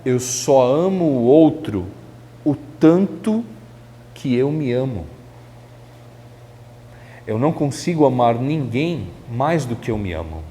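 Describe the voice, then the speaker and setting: A man's voice: mid-range voice, lively intonation, slow, pauses often, mellow, big-room sound, a little hiss or hum. A man giving a spiritist lecture in a chatty way, asking the audience rhetorical questions. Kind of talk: religious lecture. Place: lecture hall of a spiritist center.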